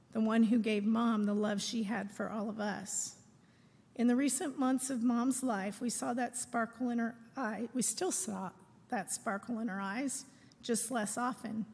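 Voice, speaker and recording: A middle-aged woman reads a prepared eulogy aloud in a measured, phrase-by-phrase way, speaking in a large room. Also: on the high side, darkish tone. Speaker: daughter giving a eulogy. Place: large room at a memorial service. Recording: echoey hall with long reverb.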